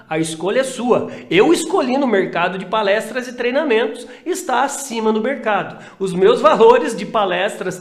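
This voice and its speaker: A man, a sales and motivation speaker, talking directly to his listeners and calling them friends. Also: high voice. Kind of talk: motivational talk. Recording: very echoey room.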